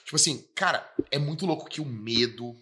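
A man, a pastor chatting on a podcast, telling stories with animated repetition for emphasis. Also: medium pitch, a little fast. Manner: animated storyteller, repeats lines for emphasis. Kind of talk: casual podcast chat.

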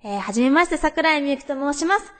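A young woman introduces herself as a guest on a radio talk show, eager and quick to giggle. Her voice sits high. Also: expressive, a bit bright. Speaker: guest, gravure model and lyricist.

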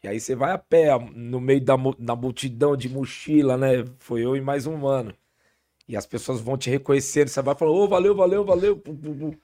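A podcast guest tells stories in a relaxed, casual chat, his mid-range voice moving briskly. He leans on heavy slang and restarts his sentences often.

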